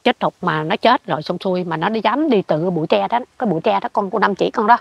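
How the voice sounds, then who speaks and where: An older woman with a Southern Vietnamese accent, telling a ghost story in an animated way and acting out what she saw. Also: mid-range voice, fast talker, gravelly, husky, dry recording, dull audio. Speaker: interviewee. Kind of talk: ghost story told in conversation.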